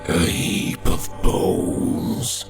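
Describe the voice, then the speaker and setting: A man voicing an undead skeleton cowboy from a video game, with a gravelly, croaky, menacing drawl and a grim, folksy temper. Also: drawn-out words, music in the background. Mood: folksy, ominous. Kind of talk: video game character acting.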